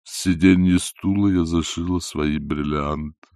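A man voicing a stubborn dying old woman who speaks slowly in a flat, wooden voice. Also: sits low, no room sound, clean studio sound. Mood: cold, deliberate.

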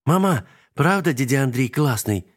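A man voicing an excited, chattering little girl in a storybook reading. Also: normal speed, lightly acted. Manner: breathless, bubbly, high squeals.

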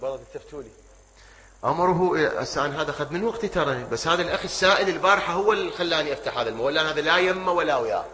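A man with an Iraqi Arabic accent giving a religious lecture. He keeps asking rhetorical questions, answers them himself and builds up to emphatic shouts. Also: fairly high pitch, lively intonation, racing, low-quality recording. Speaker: preacher.

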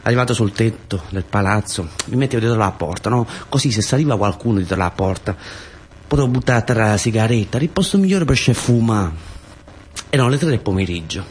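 An actor-storyteller with a southern Italian accent from the Taranto area performs a colloquial narrative monologue, insistently repeating words and phrases. His voice is lowish, animated and brisk, with slight background noise.

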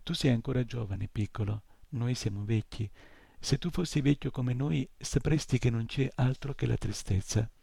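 A man voicing an ancient, weary female giant turtle in a read-aloud story, speaking slowly and gurgling as she talks to herself. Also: medium pitch, creaky, mellow, breathy edge, dry recording. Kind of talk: audiobook reading.

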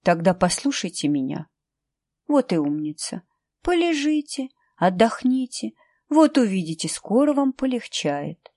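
A woman's voice: mid-range voice, sing-song, measured pace, dark tone, no echo, clean studio sound. A woman voicing a kindly, firm housekeeper who speaks soothingly and decisively.

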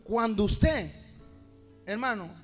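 A middle-aged man preaching a fervent sermon as pastor, his voice swelling and rising to shouts. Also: high-pitched, lively intonation, slow pace, long reverb tail, soft background music.

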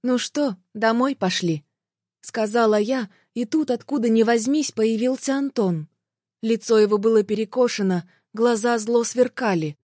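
A woman's voice: a little high, moderate pace, dark tone, no echo, clean studio sound. A woman narrating a tense, emotional first-person story as an audiobook.

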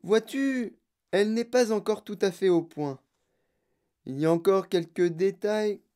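A woman's voice: medium pitch, measured pace, mellow, lightly acted. Fretful eccentric candy maker done by a woman reader, pleading, sighing, storybook. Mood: alarmed. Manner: anxious, pleading, then sighing sadly.

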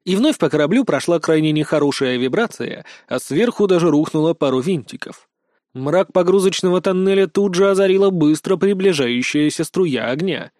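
A man narrating a first-person audiobook in a lively, ironic storytelling manner. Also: a little high, normal speed, no room sound, studio quality.

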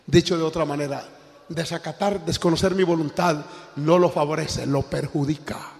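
An older man, preaching a sermon as pastor, swinging from loud exclamations to low, emphatic tones. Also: steady tone, normal speed. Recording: long reverb in a large hall.

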